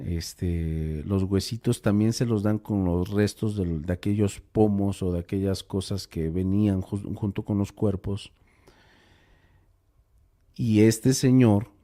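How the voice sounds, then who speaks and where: A man telling a strange story in a casual, unhurried way, pausing with fillers and restarting words. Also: sits low, warm tone.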